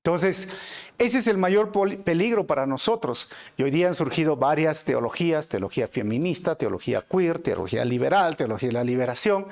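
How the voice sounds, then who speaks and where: A man with a Peruvian Spanish accent preaching a verse-by-verse Bible study. His voice sits a little high for a man. He leans on rhetorical questions and calls his listeners brothers, rising and dropping sharply for emphasis. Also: gravelly. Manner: dramatic swings in pitch and loudness for emphasis. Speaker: pastor teaching a Bible study. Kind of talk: inductive Bible study sermon.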